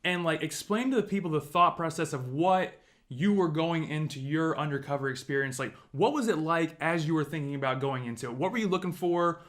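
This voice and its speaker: A man co-hosting a casual podcast, talking in an energetic, upbeat and rambling way. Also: a little high, a little fast. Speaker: podcast co-host.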